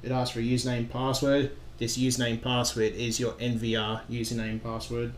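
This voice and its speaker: In instructional screen-recording narration, a man with a mid-range, rather flat voice explains setup steps at normal speed. He works as a software trainer and keeps his delivery plain. Background noise and echo suggest an untreated room.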